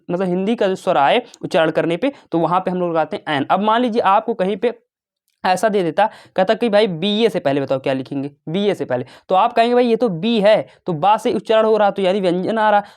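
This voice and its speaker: A man's voice: high voice, a little mellow. A young man teaching a casual lesson, chatty and brotherly, asking and answering his own questions. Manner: chatty, calls students "bhai" and "babu", asks and answers his own questions.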